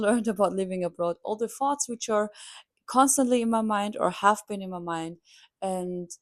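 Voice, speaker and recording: A woman's voice: medium pitch, dry recording, clean studio sound. Chatty Austrian woman in her twenties. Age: 20s. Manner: chatty and candid, with non-native phrasing. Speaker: vlogger. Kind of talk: casual vlog narration.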